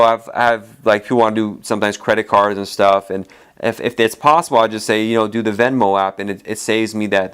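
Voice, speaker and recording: A man's voice: fairly low pitch, clean tone. A man who is an immigration attorney, hosting a solo podcast in a casual, rambling way with many fillers and restarts, his voice tired from a long day of talking.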